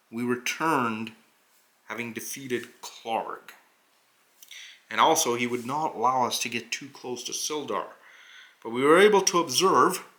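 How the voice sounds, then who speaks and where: A man voicing a noble, earnest hobgoblin adventurer who recounts a tabletop quest with deliberate, halting phrasing and dramatic pauses. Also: mid-range voice, sharp tone. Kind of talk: in-character narration of a tabletop adventure.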